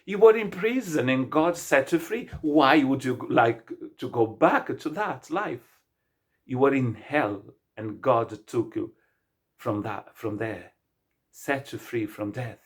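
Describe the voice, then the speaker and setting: Preaching a sermon, a middle-aged Brazilian pastor from the state of Rio de Janeiro speaks with a Brazilian Portuguese accent, as Portuguese is his first language. His medium-pitched voice has lively intonation and a breathy edge, and he delivers it earnestly while faltering and restarting frequently.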